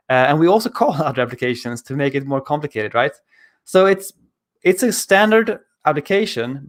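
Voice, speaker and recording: A man from Sweden presents a casual technical talk at a conference over video call, his mid-range voice conversational and easygoing and peppered with fillers. He uses an arm-mounted studio mic.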